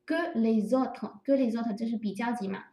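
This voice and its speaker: A woman teaching French grammar to Chinese-speaking learners, patiently explaining and slowly repeating example phrases. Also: a little high, mellow. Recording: roomy echo, distant from the mic.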